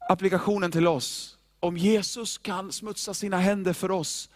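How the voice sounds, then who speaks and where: A male pastor preaching a sermon in an animated, informal and emphatic way, often repeating himself. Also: high voice.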